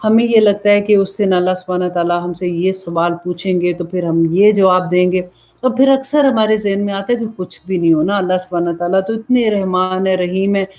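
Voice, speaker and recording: A woman's voice: fairly low pitch, fairly quick, darkish tone. A woman preacher giving an earnest religious lecture, asking questions and then answering them herself. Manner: earnest, explanatory, asks and answers own questions. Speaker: Islamic preacher.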